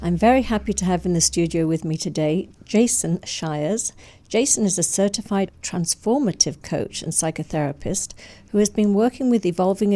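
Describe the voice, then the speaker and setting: A woman from North Wales, older, hosting a casual interview podcast, chatty and quick to laugh. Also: on the low side, dark tone. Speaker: podcast host.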